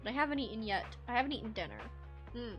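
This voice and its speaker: A woman's voice: on the high side, lively intonation, fast, lo-fi sound, over music. A young woman streaming, chatting casually with viewers in a sleepy, rambling way with many restarts. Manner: laid-back, rambling with many restarts and soft laughs. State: sleepy, yawning. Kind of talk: casual live-stream chat reading viewer comments.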